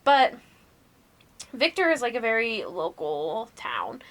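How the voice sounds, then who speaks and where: A young woman co-hosting a podcast, telling her ghost stories casually, laughing, swearing and going hushed at the spooky parts. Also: a little high, wildly swooping pitch, slow pace. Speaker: podcast co-host. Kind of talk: casual storytelling chat.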